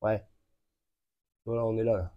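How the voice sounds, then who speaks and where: A man casually talking the viewer through a van oil change, relaxed and informal, with frequent filler sounds. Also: fairly low pitch, measured pace, dull audio. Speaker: mechanic hosting a tutorial channel. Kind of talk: casual how-to instruction.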